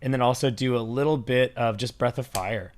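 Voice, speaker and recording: Man, mid-pitched voice, practical, easygoing, instructive breathwork facilitator. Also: steady tone, brisk.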